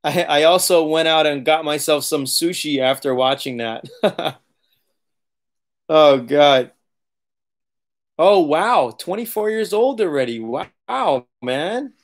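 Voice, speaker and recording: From his living room leather couch, a late-thirties auto body channel host reads chat during a casual livestream Q&A, chatting loosely, laughing often, sometimes swearing. His fairly high voice is animated, but he takes it slowly, with long pauses.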